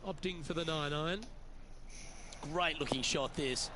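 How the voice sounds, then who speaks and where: Male golf commentator for a sports game, acted: slightly high voice, composed, measured broadcast play-by-play, heavy background noise. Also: natural voice. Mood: composed, informative. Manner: measured broadcast delivery, describing holes and shots. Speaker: golf commentator, lead announcer.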